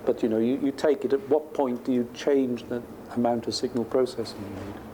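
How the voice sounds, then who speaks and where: A male professor talks fairly quickly in a mid-range voice with fairly even intonation, explaining technical ideas informally and thinking aloud as he lectures. The university lecture room recording is clearly noisy.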